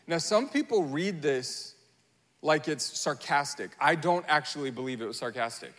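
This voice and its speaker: A pastor with a fairly high voice for a man preaches a sermon, retelling a Bible story with animated energy and acting out its figures in quotes. He speaks at a moderate pace, and the long reverb of a large hall surrounds him.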